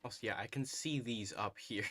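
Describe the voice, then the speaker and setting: A man's voice: fairly low pitch, moderate pace, pushed and bright, no room sound. A man streaming live over a headset mic, thinking aloud and reacting to a game with frequent "ooh"s and little laughs as he talks to his chat. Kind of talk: live gameplay commentary, talking to chat.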